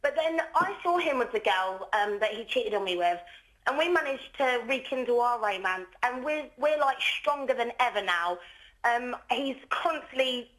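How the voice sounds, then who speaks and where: A young woman calling in to a radio phone-in, giggly and rambling, with halting starts. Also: a little high, expressive, a bit bright, low-quality recording. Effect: caller on a radio phone-in. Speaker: radio show phone-in caller.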